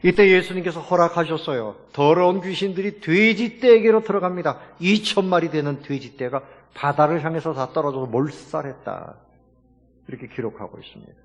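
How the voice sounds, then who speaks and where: A man's voice: on the high side, fairly quick, long reverb tail. A man preaching a sermon as pastor, emphatic and full of rhetorical questions to his congregation.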